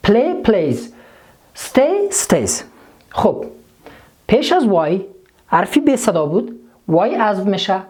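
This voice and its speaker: A woman teaching English grammar, explaining slowly and repeating each rule in two languages. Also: on the low side, darkish tone. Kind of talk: grammar lesson mixing English and Dari.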